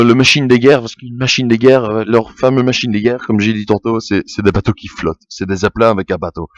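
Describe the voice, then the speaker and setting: Young guy ranting into a close dry mic, lowish voice, stumbles over his words and swears a lot. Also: no echo, highs cut off. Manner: rambling, stammering, swears a lot. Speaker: podcast host. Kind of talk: casual ranting film review.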